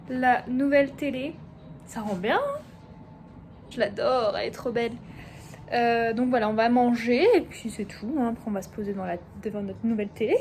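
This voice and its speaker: A young woman talks to her camera at home, bubbly and chatty. Her voice sits fairly high and she fills gaps with frequent hesitations. There is a faint hiss behind her. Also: moderate pace, darkish tone. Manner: chatty and enthusiastic, many fillers. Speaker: vlogger. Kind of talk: casual chat.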